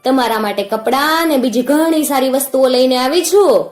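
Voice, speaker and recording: A woman putting on a sly wolf in a high voice. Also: normal speed, soft background music, natural voice. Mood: sweetly coaxing. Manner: sugary coaxing, then barking threats. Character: sly hungry wolf faking a mother goat's voice. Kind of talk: storybook narration.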